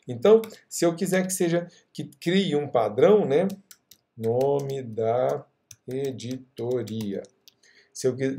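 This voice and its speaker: A man, teaching a screen-recorded software tutorial in a chatty way and checking in often with the viewer. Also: mid-range voice, creaky. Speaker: software instructor.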